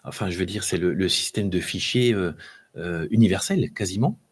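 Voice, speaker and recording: Man hosting a tech podcast, lowish voice, hesitant, trailing off quietly. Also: moderate pace, husky. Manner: hesitant, trailing off softly at phrase ends. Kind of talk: casual tech chat.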